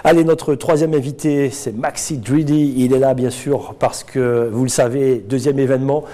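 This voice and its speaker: A man hosting a live TV studio interview, talking in a relaxed, friendly way with frequent fillers. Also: mid-range voice, moderate pace. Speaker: TV news host.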